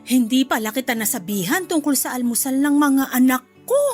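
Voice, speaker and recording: An actress playing a brisk, particular middle-aged mother-in-law in a Filipino radio drama, with a Filipino accent. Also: sits high, animated, faint music behind. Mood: fussy, insistent.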